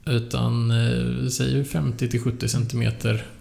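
A man's voice: mid-range voice, level tone, creaky, dark tone. A man co-hosting a casual true-crime podcast, hesitant with many fillers and restarts. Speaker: podcast co-host. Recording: echoey room.

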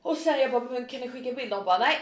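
A woman's voice: a little high, roomy sound. A woman in casual chat, telling a story animatedly and acting out what people said. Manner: animated storyteller, acts out quotes.

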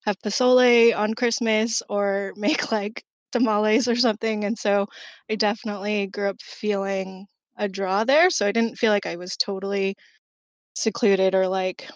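A woman's voice: mid-range voice, steady tone, moderate pace, no echo. A woman in her thirties from Southern California, a podcast guest talking casually with many ums and likes and small laughs. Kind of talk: casual chat.

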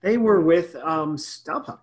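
A man's voice: on the high side, expressive, slow pace, low-quality recording. A man joining a casual chat as a panelist, loose and filler-heavy with many "like" and "um".

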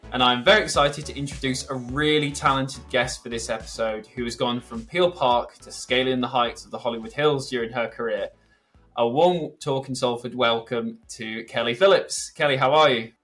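A man's voice: mid-range voice, normal speed, a bit bright. Male podcast host over music. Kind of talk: scripted introduction and interview questions.

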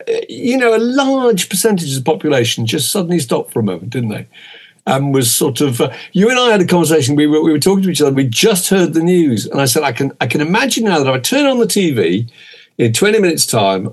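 Enthusiastic man, lively and higher. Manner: enthusiastic, quick to agree and chime in. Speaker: podcast co-host. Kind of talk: casual chat.

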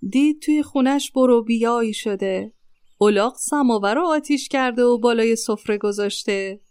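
Clear, close storyteller woman. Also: a little high, dry recording. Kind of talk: children's story narration.

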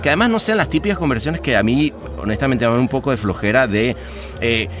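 A man's voice: mid-range voice, lively intonation, fast, music in the background. A man with a Venezuelan accent, a podcast guest talking in a reflective, rambling way with many restarts. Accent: Venezuelan Spanish. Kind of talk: casual conversation.

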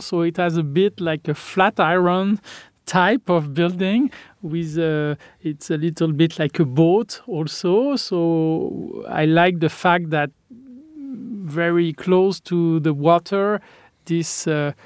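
Slow, high-voiced Frenchman being interviewed. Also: smooth, no room sound, clean studio sound. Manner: hesitant, searching for words in English. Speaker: architect, interview guest. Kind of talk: interview answers.

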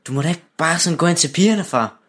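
A man's voice: a little high, a bit bright, pitched above the performer's own voice. A man voicing a grumpy boy on the edge of his teens in a storybook reading, sullen and grumbling. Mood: angry. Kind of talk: storybook narration.

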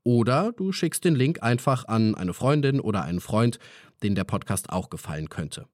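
A man's voice: medium pitch, expressive, normal speed, a little mellow, no room sound, clean studio sound. A man as podcast host, giving a friendly outro and speaking directly to listeners.

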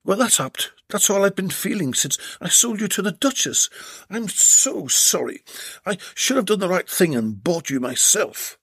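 A reader voices a tallish, apologetic male plumber in a comic storybook, giving him an eager, earnest, fawning delivery. The heavily acted character voice is mid-range, very animated and moderately paced, pitched above the performer's own, a bit bright with a breathy edge. There's no room sound.

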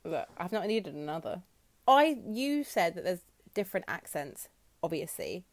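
A woman's voice: fairly low pitch, sing-song, moderate pace. Woman on a chatty podcast, dry humor, knocks herself a bit, laughs a lot. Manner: dry, self-deprecating, laughs often. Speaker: podcast co-host. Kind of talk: casual chat.

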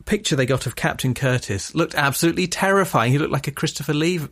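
A man from England co-hosting a casual podcast chat, wry and quick to laugh. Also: fairly high pitch, fairly bright tone, no room sound, studio quality. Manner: wry, chatty, laughs often. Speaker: podcast co-host.

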